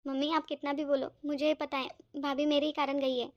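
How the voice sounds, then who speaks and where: A woman's voice: sits high, level tone, a little fast, dull audio, lightly acted. A woman voicing a tearful young married daughter in a cartoon, weepy and self-pitying. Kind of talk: cartoon voice acting.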